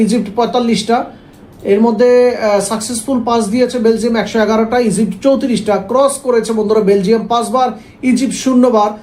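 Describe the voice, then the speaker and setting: Guy with a really high voice doing football game commentary, echoey room, bit of noise. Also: darkish tone. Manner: addresses viewers as friends, mixes in English words. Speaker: gameplay commentator.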